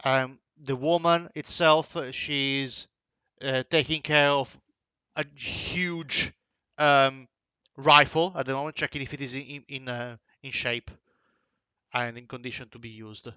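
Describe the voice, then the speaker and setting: A man's voice: medium pitch, fairly even intonation, measured pace, bright, forceful tone, smooth, no echo, highs cut off. A man narrating as game master of a tabletop game, hesitant with many fillers and restarts.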